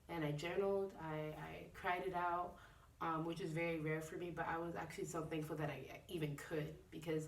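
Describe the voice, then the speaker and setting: A young woman speaks in a candid, reflective video diary, with plenty of fillers as she thinks aloud. Her voice sits a little low for a woman. She is picked up from a short distance in a room that rings with echo. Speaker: vlogger. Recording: echoey room, a bit far from mic.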